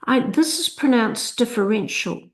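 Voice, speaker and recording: In this screencast lesson on literacy, a woman with an expressive, slightly high voice takes long words apart piece by piece. She is slow and deliberate, carefully sounding out every part.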